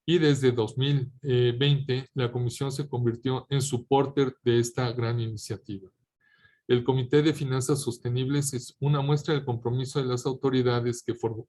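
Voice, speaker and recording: A man's voice: medium pitch, darkish tone. A man with a Mexican accent delivering a formal, scripted welcome speech as an official. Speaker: financial regulator official.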